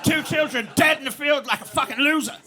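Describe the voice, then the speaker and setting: High-voiced male stand-up comic. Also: fairly quick, noisy background. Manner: absurd, deadpan-to-explosive storytelling. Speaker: stand-up comedian. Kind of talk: stand-up routine. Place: comedy club stage. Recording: live club with audience laughter.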